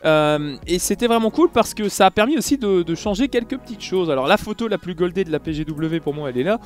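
Male vlogger, higher voice, chatty storyteller who plays out each exchange, faint music bed. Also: fast. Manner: animated, acts out dialogue, many fillers. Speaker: YouTuber recounting an event. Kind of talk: casual storytelling vlog.

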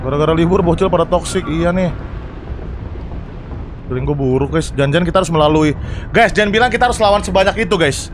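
A young man, chatting excitedly as he streams a game and talks to his viewers. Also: fairly high pitch, fast, long pauses, a little hiss or hum. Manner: excitable, chatty, addresses chat as guys. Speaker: gaming streamer. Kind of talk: live game commentary.

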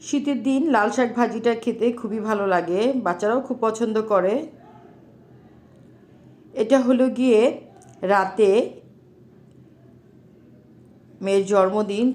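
A woman's voice: medium pitch, a little mellow. A middle-aged mother with a Bangladeshi Bengali accent, narrating her family vlog in a homely, chatty way and talking straight to her viewers. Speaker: vlogger, mother.

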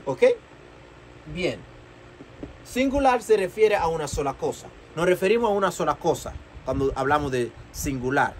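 A man teaching a beginner language lesson, repeating each word several times slowly, a native Spanish speaker. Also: a little high, expressive, a little hiss or hum, low-quality recording. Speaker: English teacher.

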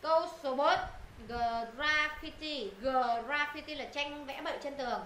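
A woman's voice: high-pitched, a little fast, a bit bright. A woman teaching English pronunciation to students, repeating words and quizzing them on the answers. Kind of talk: live pronunciation lesson to students. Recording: echoey room, faint noise.

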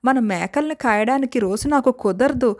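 A woman's voice: on the high side, normal speed, dry recording, clean studio sound, close to an everyday voice. A woman voicing a stern, hardworking village farmer father who warns and scolds his son, in her own voice, for a storybook tale. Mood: instructing. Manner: firm scolding.

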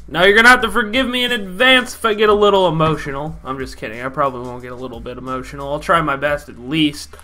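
Young male vlog host, bright tone, rambling casual delivery, faint music bed. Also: a little high. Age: young adult. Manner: loose, rambling, lots of fillers. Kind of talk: casual sports commentary vlog.

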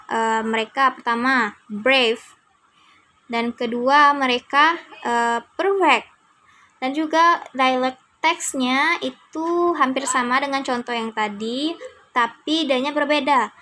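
A woman's voice: high-pitched, pushed and bright, a little hiss or hum. A young woman with an Indonesian accent teaching a class, encouraging her students and patiently correcting their pronunciation. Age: young adult.

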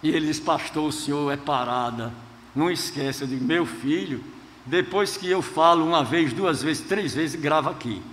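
A male pastor preaching a sermon, telling stories from his own life and swinging between hushed tones and rousing shouts. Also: on the high side, moderate pace. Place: large church hall. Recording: long hall reverb, faint noise.

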